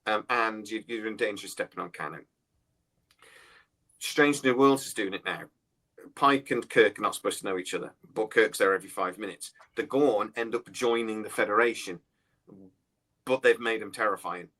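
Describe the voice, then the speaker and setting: A man's voice: lowish voice, moderate pace, a bit bright. A man in his forties, chatting bluntly and scornfully as a podcast co-host, often restarting his sentences. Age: 40s. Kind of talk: casual opinionated chat.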